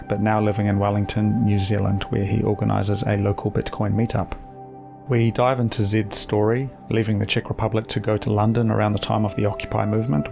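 Low gravelly male podcast host. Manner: relaxed, loose, swears casually. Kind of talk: casual conversational interview.

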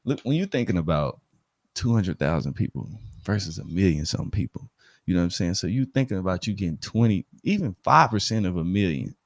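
Speaking in a low voice, this Alabama DJ and podcaster with a Southern accent is animated and a little fast as he chats casually. He leans on slang and frequently checks that the listener understands. The sound is clean studio audio with no echo.

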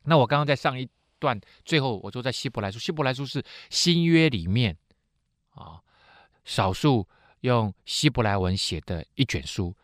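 Lively man retelling a Bible story. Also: mid-range voice, moderate pace, no echo, clean studio sound. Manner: animated retelling with frequent filler sounds. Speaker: Bible teacher.

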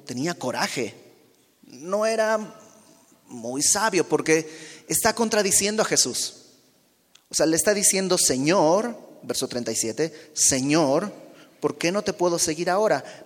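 A man preaching a sermon, expressive, acting out quoted dialogue and dropping to soft, quiet tones. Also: fairly high pitch. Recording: long hall reverb.

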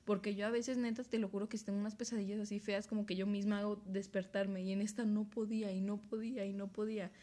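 A young woman with a Mexican accent chats on a podcast. She tells a scary story in a quick, excitable way. She swears freely and laughs as she talks, in a voice of middling pitch. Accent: Mexican Spanish. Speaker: podcast co-host. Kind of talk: casual podcast chat, telling a scary story.

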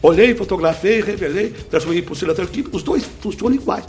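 A middle-aged man, explaining a teaching method as an interview guest through lively step-by-step examples. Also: high-pitched, fast, soft background music. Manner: lively, didactic, full of examples. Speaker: speed-reading teacher, guest.

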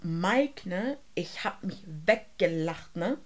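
A woman's voice: lowish voice, lively intonation, takes it slowly. A woman co-hosting a podcast, talking in casual, slangy, emphatic gossip. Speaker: podcast co-host.

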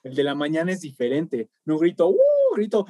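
A man's voice: a little high, brisk, noisy background. A man, a podcast guest in casual chat, reeling off travel stops and laughing often. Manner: animated, laughs often, long lists of places.

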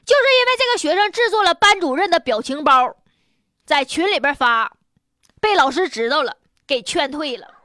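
A woman's voice: sits high, fairly bright tone, no echo, studio quality. A woman with a Northeastern Mandarin accent hosting humorous, colloquial news commentary in a blunt, opinionated way. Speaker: host of a news commentary show.

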